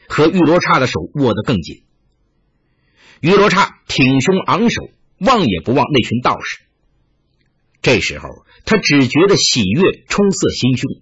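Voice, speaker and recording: 一位男子朗读武侠小说的叙述部分，嗓音沙哑，语气富有表现力，录音音质发闷。. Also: male voice, medium pitch, a bit bright, breathy edge, dull audio. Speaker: narrator. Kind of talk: storytelling narration of a martial arts novel.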